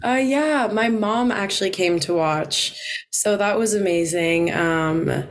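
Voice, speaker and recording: A young woman college swimmer from the Philippines, answering interview questions in a relaxed way with frequent ums and light laughs. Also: medium pitch, slow pace. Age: 20s.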